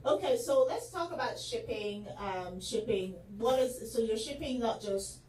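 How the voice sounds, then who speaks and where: A woman host, from Guyana, leading a casual interview in a chatty, lively way and laughing easily. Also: on the high side, unhurried. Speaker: talk show host. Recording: echoey room, mic at a distance, faint background noise.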